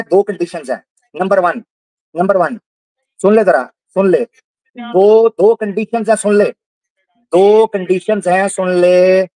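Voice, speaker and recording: A man's voice: high voice, a little mellow, dry recording. A man hosting a livestream debate, taunting and repeating his jabs in a heated call-out. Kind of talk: heated live call-out on stream.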